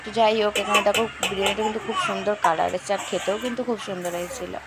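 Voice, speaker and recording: A woman in her thirties with a hoarse voice, chatting to viewers in a casual vlog voice-over. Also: mid-range voice, fairly even intonation, racing, heavy background noise. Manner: chatty, addresses viewers directly. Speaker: vlogger.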